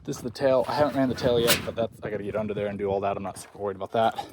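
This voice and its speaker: A man's voice: on the low side, flat delivery, very fast. A man casually narrating his DIY car work in a plain-spoken, offhand way, recorded on a phone in the wind. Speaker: DIY car restoration vlogger. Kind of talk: casual narration while working. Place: working on a car, windy outdoors. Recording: windy, noisy phone recording. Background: loud wind noise, clicks.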